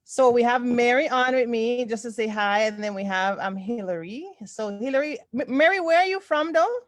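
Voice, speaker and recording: Animated and a little high, a woman speaks at normal speed in a clean studio recording with no room sound. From Toronto, Canada, she hosts an online sewing group and chats casually on a livestream, often repeating short affirmations, indoors on a group video call.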